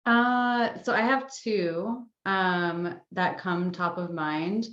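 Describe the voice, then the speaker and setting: A woman guest on a podcast, explaining in a gentle, unhurried coaching tone. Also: lowish voice, fairly even intonation, reverberant, dull audio. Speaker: guest, sex and somatics coach. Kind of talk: casual podcast interview.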